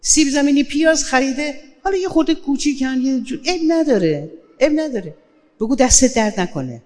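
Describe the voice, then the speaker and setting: A woman with a high voice gives animated advice on family life. She keeps breaking into short acted-out exchanges. Her words ring out with a long hall reverb. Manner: animated, acts out little quoted dialogues. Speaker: guest speaker on family life. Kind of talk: lively advice talk on a stage.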